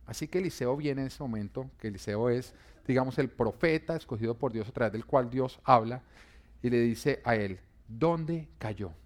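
A man pastor preaching a sermon, repeating key lines and pushing emphasis up on important phrases. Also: medium pitch.

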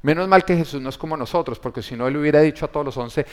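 A man's voice: on the high side, rapid-fire. A pastor preaching a sermon, an emphatic man who asks his congregation rhetorical questions. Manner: emphatic, swelling louder on key points.

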